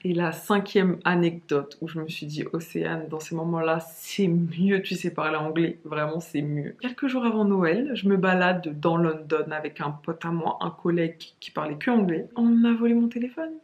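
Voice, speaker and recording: Lively young French-speaking woman. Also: normal speed, few pauses. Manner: lively, acts out quoted lines with big pitch jumps. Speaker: YouTuber. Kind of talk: casual storytelling vlog.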